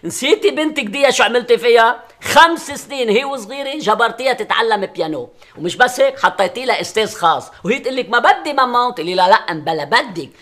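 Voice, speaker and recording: A man's voice: lively intonation, quick pace, exaggerated voice. An actor with a Lebanese accent playing a teasing, exasperated husband and father in a sitcom, mocking one moment and coaxing the next. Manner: mocking, wheedling, swings from booming to soft coaxing. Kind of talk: sitcom acting.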